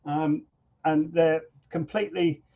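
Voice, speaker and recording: A man with a voice a touch higher than most, telling stories as an interview guest. He talks in an animated way, circling back over his own words as he thinks. The recording sounds somewhat dull and lo-fi. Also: slow, creaky. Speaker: guest musician. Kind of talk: conversational interview storytelling.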